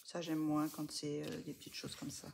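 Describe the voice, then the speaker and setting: Woman, casual home vlogger, low-pitched, half-whispered delighted asides, hiss in the recording. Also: monotone, normal speed, creaky. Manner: soft-spoken, often drops to a near whisper, many fillers; gushing with delight over pages. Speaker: coloring book vlogger. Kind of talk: casual show-and-tell chat.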